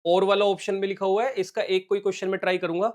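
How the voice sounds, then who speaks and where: High-voiced male teacher working sums aloud. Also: little pitch movement, fast talker. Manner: explains step by step, calls viewers "beta" and "bachche"; works sums aloud in Hindi mixed with English terms. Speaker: commerce teacher. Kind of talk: solving exam questions on a live stream.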